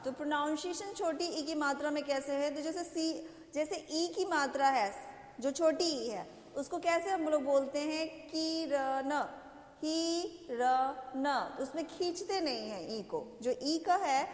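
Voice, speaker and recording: A woman's voice: sits high, moderate pace. A woman teaching a kindergarten language lesson. She asks questions, answers them herself, and draws out the vowels. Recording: echoey roomy sound with long reverb.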